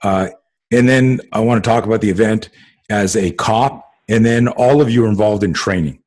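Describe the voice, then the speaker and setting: A man's voice: on the low side, normal speed, a little mellow. A man hosting a casual group call, rambling with many fillers and swearing freely. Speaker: podcast host.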